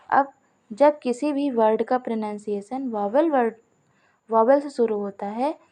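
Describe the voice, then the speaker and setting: A woman's voice: fairly high pitch, mellow. A woman teaching a grammar lesson, explaining rules step by step, repeating examples and answering her own questions while addressing viewers as friends. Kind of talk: Hindi-language grammar lesson.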